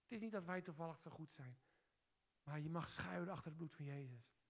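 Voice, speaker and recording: A woman preaching a sermon in a church, speaking emphatically and pushing hard on key phrases, then turning quiet and soft as she leads a prayer. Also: low voice, a little fast.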